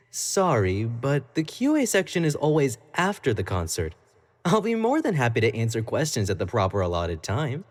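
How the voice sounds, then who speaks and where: An actor plays an obsessive, clingy young male pop idol in a scripted audio roleplay, speaking directly to the listener. His mid-range, darkish voice is coy, playful, and doting, with a teasing mood.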